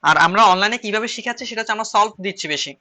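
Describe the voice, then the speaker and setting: A man's voice: sits high, rapid-fire, sharp tone. A man with a Chittagong Bengali accent teaching an online shorthand class, explaining rules step by step and repeating key phrases as he writes on slides.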